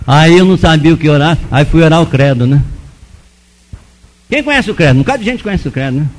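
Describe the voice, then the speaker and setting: A man giving an emotional testimony sermon, dramatic, swinging between loud pleading and hushed asides. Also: fairly high pitch, expressive, quick pace, rough recording.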